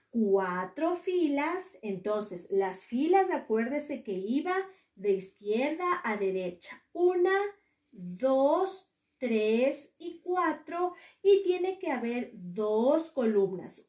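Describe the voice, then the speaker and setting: A woman teacher with an Ecuadorian Spanish accent leads an online lesson for small children. Her voice sits high and swings widely, and she stresses each syllable as she models words. The sound carries a noticeable room echo. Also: darkish tone. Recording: echoey room.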